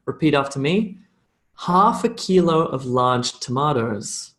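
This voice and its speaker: With an animated, medium-pitched voice that's a bit bright, an Australian man coaches English pronunciation live online, having the learner repeat phrases he drills and slows down.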